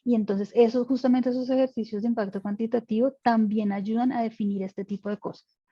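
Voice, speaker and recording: On an online webinar, a woman panelist who is an insurance expert gives a technical explanation, talking it through with plenty of fillers, restarts and self-corrections. Her voice sits on the high side with fairly even intonation and a fairly quick pace, and the sound is lo-fi.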